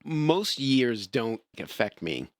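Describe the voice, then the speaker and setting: Wry lively man in his sixties. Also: mid-range voice, takes it slowly, no room sound. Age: 60s. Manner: wry, lively, dryly joking. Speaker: podcast co-host. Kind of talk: casual chat.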